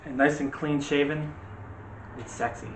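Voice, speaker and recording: A little slow and a little high, his voice keeps a fairly even intonation as he hosts a laid-back movie discussion with teasing banter for his movie channel. The recording is from an echoey indoor room with faint background noise.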